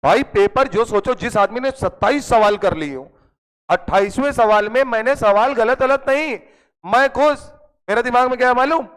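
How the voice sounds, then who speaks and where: A male chemistry teacher, telling a lively story to his class and acting out the voices of friends and his mother. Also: very high-pitched, normal speed, clear, resonant tone. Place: coaching classroom. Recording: long hall reverb in classroom.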